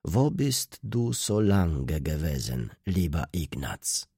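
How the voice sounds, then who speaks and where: A man voicing a frail, doting old German grandmother who speaks slowly and softly. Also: extremely low pitch, very animated, husky, dry recording, studio quality, voice pushed down, exaggerated voice. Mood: tender. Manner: slow, soft German speech.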